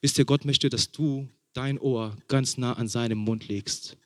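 A man preaching a sermon in German, a father, who builds emphasis with repeated phrases and questions to the congregation and drops to a hushed tone for intimate points. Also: medium pitch, fairly even intonation, a little slow, no echo, studio quality. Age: young adult or middle-aged, father of a small son. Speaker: pastor.

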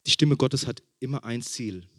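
A man preaching a sermon in German, a father, who builds emphasis with repeated phrases and questions to the congregation and drops to a hushed tone for intimate points. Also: medium pitch, normal speed, no echo, studio quality. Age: young adult or middle-aged, father of a small son. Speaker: pastor.

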